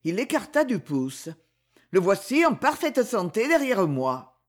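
An audiobook narrator reading a novel chapter in a measured, expressive way. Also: mid-range voice. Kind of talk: scripted literary narration.

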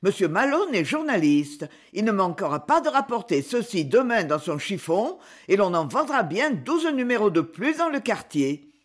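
An audiobook reader voicing a gruff, domineering professor who answers his wife curtly and condescendingly. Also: very animated, moderate pace. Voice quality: low and curt. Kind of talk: audiobook character reading.

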